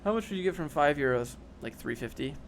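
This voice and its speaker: Fast, animated, and gravelly, this young streamer's fairly high voice comes with a little hiss or hum. He reads and responds to chat offhandedly, sarcastic and deadpan, often drifting into rambling.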